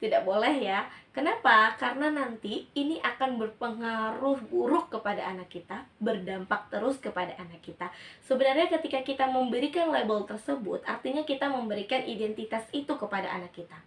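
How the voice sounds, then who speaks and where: A woman with a fairly high voice gives a parenting lesson to camera, addressing mothers directly and asking rhetorical questions that she then answers herself. She is recorded from some distance from the mic, in a room that gives off a noticeable echo. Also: animated, fairly quick, a bit bright. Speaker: parenting educator and channel host.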